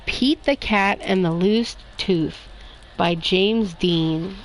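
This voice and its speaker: A woman reading children's picture books aloud in a slow, expressive storytime manner. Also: medium pitch, low-quality recording. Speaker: storybook reader.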